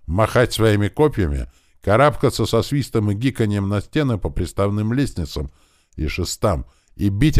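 A man reading an adventure audiobook aloud in an expressive style, acting out the shouts of the characters. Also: sits low, dry recording, clean studio sound. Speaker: audiobook narrator. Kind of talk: scripted narration.

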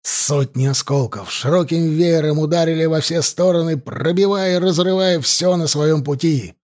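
A man's voice: fairly high pitch, darkish tone. Man narrating a dramatic audiobook. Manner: dramatic, slows down for emphasis.

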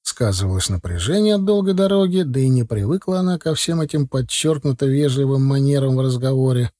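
A man narrating an audiobook in a steady storytelling manner. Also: medium pitch, a little fast, no echo, studio quality. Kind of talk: scripted narration.

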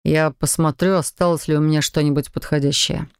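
A man's voice: a little high, little pitch movement, fairly quick, smooth, dry recording, clean studio sound, lightly acted. A reader voicing a young male battle mage who speaks evenly and firmly in an audiobook. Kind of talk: audiobook character reading.

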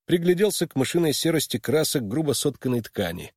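Male narrator, scripted audiobook reading, lively intonation, dry studio sound. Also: a little high, a little fast, breathy edge, no echo.

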